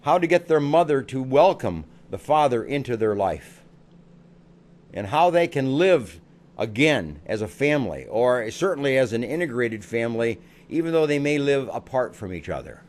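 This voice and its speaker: A man's voice: medium pitch, big pitch swings, moderate pace, darkish tone. An older American man, a psychologist, giving earnest parenting advice and repeating phrases for emphasis. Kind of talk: advice talk to camera.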